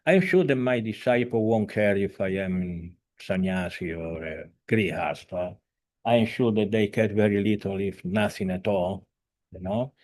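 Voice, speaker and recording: A mellow-edged, lowish voice belongs to a man in his seventies who teaches spirituality. Speaking over a video call, he talks earnestly but haltingly, with lots of fillers, restarts and grammar that shows he isn't a native speaker.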